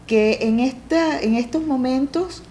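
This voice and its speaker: Speaking a little slowly, a middle-aged family coach with a warm, mellow voice lays things out step by step in a relaxed conversational interview, frequently making sure her listener keeps up. She acts out exchanges between parents and children with lively leaps in pitch, and a faint hiss sits beneath her voice.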